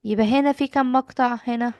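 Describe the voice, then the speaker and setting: A young woman teacher with an Egyptian Arabic accent gives a patient lesson to a child. Her voice sits a little high, and she quizzes and echoes the answers back. The sound is close and dry. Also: fairly even intonation, fast talker, darkish tone. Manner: patient, asks questions and repeats answers back. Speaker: English teacher.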